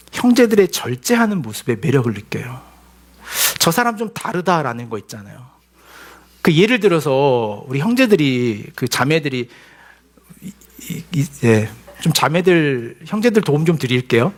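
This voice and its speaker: A male pastor giving a sermon in a conversational, humorous way, acting out little quoted voices as he goes. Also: fairly high pitch.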